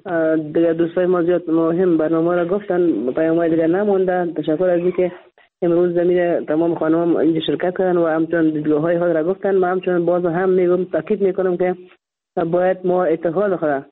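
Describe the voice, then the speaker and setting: A woman's voice: on the low side, level tone. A woman with an Afghan Dari accent, a guest calling into a radio show, making an earnest, insistent appeal and often repeating herself. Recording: tinny phone line.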